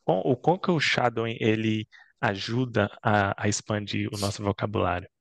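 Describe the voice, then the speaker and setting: A man's voice: on the low side, moderate pace, creaky, no room sound. A man with a Brazilian Portuguese accent hosting an online interview over a video call, talking hesitantly with many fillers. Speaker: host.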